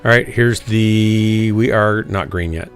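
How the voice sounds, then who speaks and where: A man's voice: lowish voice, slow, faint music behind. A man hosting a live game stream, chatting casually in a joking, drily teasing way. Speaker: streamer and host.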